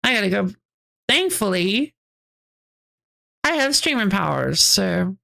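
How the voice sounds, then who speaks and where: A woman's voice: medium pitch, sing-song, takes it slowly, gravelly, sharp tone. A woman game streamer giving casual live commentary.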